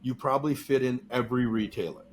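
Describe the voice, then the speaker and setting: A man's voice: mid-range voice, fast talker, a little hiss or hum. A man hosting a podcast, talking in a casual, joking and explanatory way. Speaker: podcast host.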